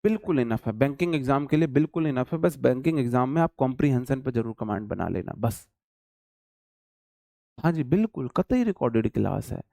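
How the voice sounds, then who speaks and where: A man's voice: mid-range voice, lively intonation, fairly quick, gravelly, mellow, dry recording, studio quality. A man with a Hindi accent teaching an online English class, chatty and teasing his students. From India.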